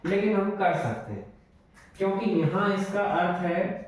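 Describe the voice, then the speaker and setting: A man teaching English grammar in a slow, explanatory way, repeating his examples. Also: high-pitched, lively intonation. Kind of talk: classroom lesson in Hindi. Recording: very echoey room, voice from far off.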